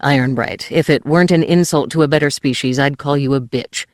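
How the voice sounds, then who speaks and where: A man's voice: on the high side, brisk, no echo, clean studio sound, natural voice. A reader doing a grim, worn-out spacer man. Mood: bitter. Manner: clipped, bitter, gasping. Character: grim, exhausted male starship pilot. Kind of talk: audiobook character voice.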